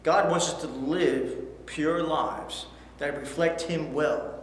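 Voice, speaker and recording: Speaking slowly in a slightly high voice, a middle-aged man gives children a Bible lesson on an indoor church studio set with a backdrop. He reads scripture aloud and asks them questions earnestly, and the audio echoes like a hall, with a faint hiss.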